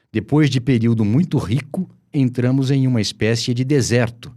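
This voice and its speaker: A man's voice: medium pitch, a little mellow. A man with a Brazilian accent reading a letter aloud in a formal, emphatic way. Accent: Brazilian Portuguese.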